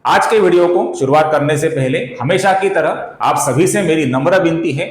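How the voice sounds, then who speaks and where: Male recitation teacher with a slightly high voice, patient and careful, chanting verses slowly in an echoey room. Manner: addresses viewers as friends, repeats corrections patiently. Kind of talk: explanatory lesson on pronunciation.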